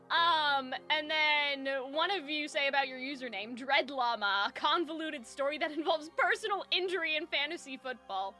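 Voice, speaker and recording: A female live streamer hosts a casual chat with viewers from a soundproofed room at home, on a close mic with faint music behind her. Her very high, bright voice climbs even higher when she's excited, and she rambles in a chatty, giggly, slangy way.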